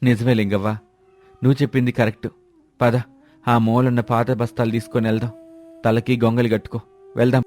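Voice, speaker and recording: A man voicing a cautious, kind-hearted village farmer who speaks in a steady, earnest way. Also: mid-range voice, a little fast, long pauses, close to an everyday voice. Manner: steady, earnest, shouts commands when urgent.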